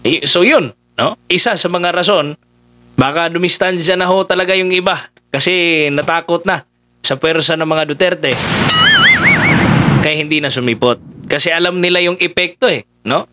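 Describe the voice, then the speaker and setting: A man's voice: on the high side, normal speed, sharp tone, no room sound. A man giving casual political commentary, talking conversationally with many fillers as he addresses his listeners.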